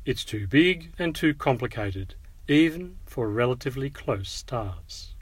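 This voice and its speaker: A man presents a scripted museum audio guide as an educator, measured and instructive, speaking directly to the listener. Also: medium pitch, big pitch swings, husky, no room sound.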